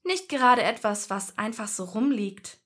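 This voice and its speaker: A woman's voice: on the high side, normal speed, fairly bright tone. A woman voicing a stubborn, wounded young witch who speaks defiantly and a little breathlessly. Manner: defiant, pleading, short of breath.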